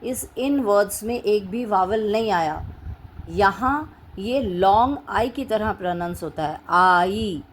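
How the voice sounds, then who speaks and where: A woman teaching phonics, spelling words out letter by letter in a slow, deliberate way. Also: mid-range voice, lively intonation, a little hiss or hum, rough recording. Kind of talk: classroom-style phonics lesson.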